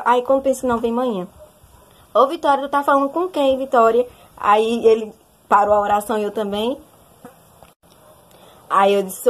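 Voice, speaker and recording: A young woman with a slightly husky, higher-pitched voice tells her story in a lively, chatty way. She keeps turning to address her listeners directly as she recounts a personal testimony. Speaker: testimony speaker.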